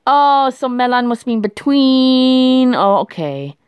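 A woman's voice: sits high, big pitch swings, takes it slowly, smooth, no echo. A woman vlogger chatting casually to herself as she works through a quiz, laughing often. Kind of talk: casual thinking aloud while doing a language quiz.

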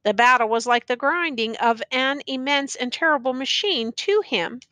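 A woman narrating a classic war novel as an audiobook, reading slowly and deliberately. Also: sits high, lively intonation, pushed and bright, dry recording.

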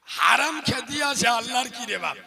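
A hoarse man preaching a fiery, mocking sermon to an outdoor crowd, often shouting at his listeners. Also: very high voice, animated, moderate pace. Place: outdoor religious gathering.

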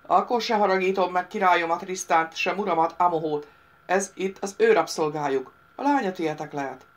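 A woman voicing a boastful, dim male monster-soldier bounty hunter with a loud, gruff manner in an audiobook. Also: lowish voice, natural voice. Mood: stubborn.

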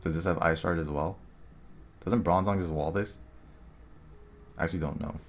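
Deep-voiced young man muttering game commentary. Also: fairly even intonation, a little hiss or hum. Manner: muttering to himself, thinking aloud, quick asides. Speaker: gaming video creator. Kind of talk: casual gameplay commentary. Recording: faint music underneath.

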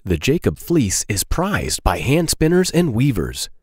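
A man in his thirties reads aloud to young children with simple, clear phrasing, like a storytime host, his pitch swooping wildly. He keeps a measured pace and a slightly mellow tone. The recording is close and dry, with no echo.

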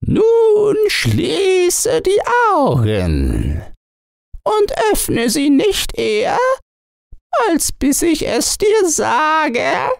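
A man voicing a small, grateful and kind sea turtle in a storybook, speaking in a high, slow and formal singsong. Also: huge pitch swings, gravelly, no room sound, studio quality, heavily acted. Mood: gentle.

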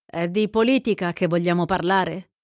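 A woman's voice: fairly low pitch, normal speed, dry recording, clean studio sound, close to an everyday voice. A woman voicing a gallant young gambler. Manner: smooth, gallant, flattering.

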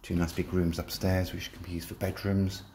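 A very low, deep man's voice with an English accent, listing features in a plain, matter-of-fact way as he walks through empty rooms. His delivery stays almost completely monotone, recorded on a handheld phone with a faint hum of room ambience behind him. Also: normal speed. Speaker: property seller giving a walkthrough. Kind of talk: casual property tour narration. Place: empty rooms of a shop building, indoors. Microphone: handheld phone, walking.

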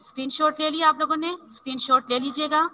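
A woman teacher with a high, very bright and crisp voice leads an online class over a video call. She spells words slowly letter by letter and keeps checking in with her pupils in a patient, coaxing way. A faint hiss sits under her voice. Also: fairly even intonation, poor audio. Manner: repeats "theek hai" constantly and spells words letter by letter slowly. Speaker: Urdu teacher.

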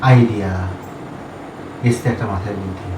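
A young man from Bengal talks in quick, casual bursts and turns defensive in a staged couple prank. His voice sounds far from the mic, with room echo. Constant background noise runs underneath. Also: mid-range voice, sing-song. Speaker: prank channel co-host.

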